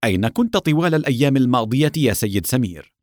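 A man reading the lines of a calm, resolute male captain, firm and measured. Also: mid-range voice, no echo, clean studio sound, lightly acted.

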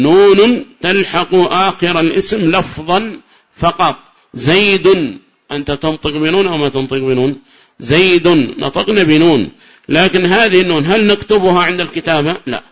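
A man teaching Arabic grammar from a classic text, asking students questions and answering them himself, slowing down to spell out examples. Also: a little high. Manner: reads the text raised and loud, then explains slowly with drawn-out examples. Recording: dull lo-fi lecture recording.

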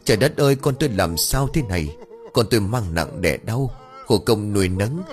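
A man voicing an older man who wails loudly like a grieving mother, melodramatic and keening. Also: fairly low pitch, lively intonation, moderate pace, lightly acted. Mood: wailing.

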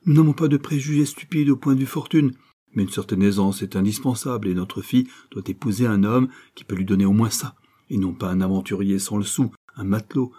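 A man's voice: fairly low pitch, dark tone, breathy edge. A man reading an audiobook voices a proper bourgeois mother who lectures her daughter firmly. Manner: firm, lecturing.

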